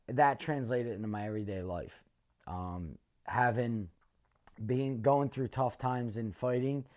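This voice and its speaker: A middle-aged man from North answers interview questions in a measured, earnest way, pausing often with ums. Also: fairly low pitch, warm tone. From North Philadelphia. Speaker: interviewee, former fighter.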